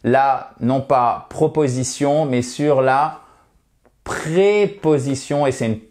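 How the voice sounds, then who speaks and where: A man's voice: mid-range voice, steady tone, slow pace, a little mellow. A man teaching English in an online video lesson, explaining patiently step by step and addressing viewers as dear friends.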